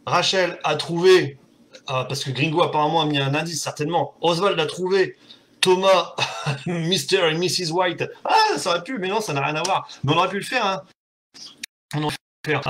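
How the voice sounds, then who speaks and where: His voice is a little high and fairly bright, moving at a moderate pace, as he hosts a laid-back home live stream and chats with viewers. He rambles, jokes at his own expense, and uses many fillers, while his desk mic catches the sound of his typing.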